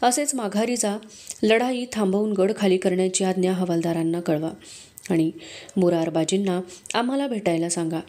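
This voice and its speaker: A woman's voice: medium pitch, moderate pace, mellow, lightly acted. A woman reading aloud, voicing a proud, commanding male king from a historical novel with firm, dignified speech.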